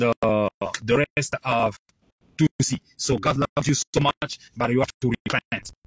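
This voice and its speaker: A man's voice: mid-range voice, poor audio. A man from Congo with a Congolese French accent, giving a bilingual preaching address that switches between French and English, emphatic and repetitive. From Democratic Republic of the Congo.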